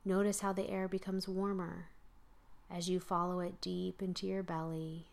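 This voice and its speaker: A woman guiding a slow breathing meditation in a calm, soothing voice, often sinking into soft whispers. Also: on the low side, vocal fry. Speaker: meditation guide.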